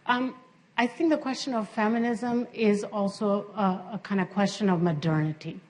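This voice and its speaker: A woman's voice: medium pitch, moderate pace, a little mellow, poor audio. A woman panelist adding a thoughtful, analytical comment at a conference. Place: university conference room.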